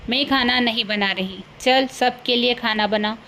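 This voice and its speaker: A woman's voice: a little high, unhurried, a bit bright, a little hiss or hum. A woman voicing a scolding, greedy older village mother-in-law in a cartoon, bossy and scornful. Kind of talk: cartoon voice acting.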